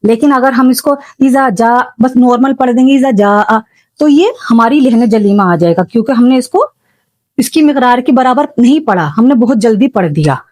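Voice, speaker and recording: A woman's voice: fairly high pitch, lively intonation, moderate pace, a little mellow, no room sound. Woman, Quran recitation teacher, patient, repeats examples, dry close recording. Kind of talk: spoken religious lesson for beginners.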